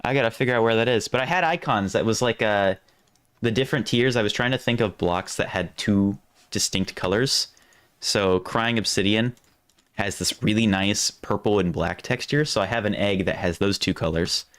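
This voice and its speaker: A man hosting a live stream, chatting casually and thinking aloud, his voice going hoarse. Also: lowish voice, moderate pace, fairly bright tone. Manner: rambling, restarts often, thinks aloud. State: losing his voice.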